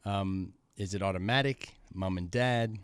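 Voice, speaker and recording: A man hosting a football interview show in a studio, excitable and rambling as he introduces and questions his guest. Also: unhurried, clear, resonant tone, no echo. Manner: excitable, rambling introductions with big pitch swings. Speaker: podcast host. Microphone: studio microphone.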